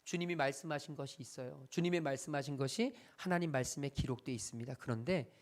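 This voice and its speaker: Pastor preaching a Sunday sermon: builds to loud emphatic lines, then turns soft and confessional. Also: medium pitch, fast talker. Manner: repeats parallel phrases for emphasis.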